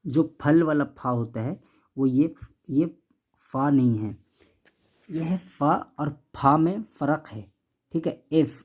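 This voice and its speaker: A man teaching how to read the Quran, saying each letter sound slowly and more than once, contrasting thin and heavy sounds, and checking in often. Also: on the high side, a little mellow, breathy edge. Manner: patient, repeats each sound, keeps asking "okay?".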